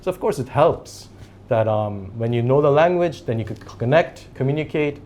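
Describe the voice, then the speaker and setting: A Japanese-native man in his forties, speaking as a company CEO, chats casually in a podcast interview, telling rambling stories and laughing softly between phrases. His mid-range voice is animated and darkish, at a moderate pace. There's slight background noise.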